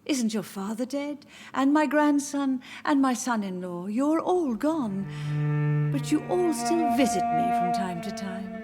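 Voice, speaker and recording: An actress playing a frail, confused elderly mother who speaks tenderly and dreamily, with soft music behind her. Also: high-pitched, expressive, unhurried. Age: older. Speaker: game character. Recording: game audio with soft music.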